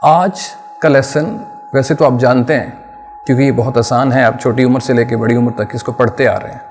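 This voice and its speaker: A man from Pakistan gives an English grammar lesson to children, speaking in Urdu. He explains earnestly and circles back over his points the way a patient teacher does. His mid-pitched voice carries a long reverb tail, as if he were speaking in a hall. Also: steady tone, fairly quick, noisy background.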